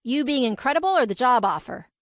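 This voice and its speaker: A woman reading the part of a soft-spoken, self-deprecating young woman in an audiobook. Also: high voice, animated, fast, no echo, studio quality, pitched above the performer's own voice. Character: shy, wry young woman love interest.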